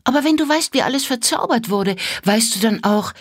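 A woman voicing a curious, excitable little girl who asks eager questions. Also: fairly high pitch, a little fast, slightly rough, no room sound, clean studio sound, voice pushed up. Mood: excited.

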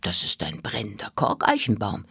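A woman voicing a patient old grandfather who speaks slowly and with a lowered voice. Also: huge pitch swings, vocal fry, a bit bright, breathy edge, no echo, whispered, studio quality, exaggerated voice. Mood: calm. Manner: slow, measured, lowered voice. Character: patient old grandfather storyteller, easily irritated.

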